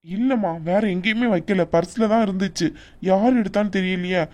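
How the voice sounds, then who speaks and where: A woman's voice: medium pitch, fairly quick, a little mellow, close to an everyday voice. A woman voicing a hot-tempered young man in a cartoon, scolding his family with indignant outbursts. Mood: annoyed. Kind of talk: animated cartoon voice acting.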